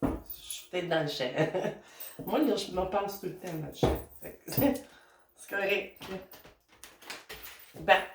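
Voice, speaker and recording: A woman's voice: fairly low pitch, a little slow, long pauses. A woman with a Québécois accent doing a casual spiritual card reading, talking to her guides in a chatty, meandering way with many fillers. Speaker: tarot and oracle card reader. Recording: roomy and a bit distant, faint noise.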